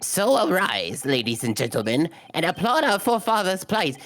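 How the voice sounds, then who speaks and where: A woman playing a pompous, haughty old man with formal, deliberate phrasing in a video game fan dub. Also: lowish voice, big pitch swings, a bit bright, faint music behind.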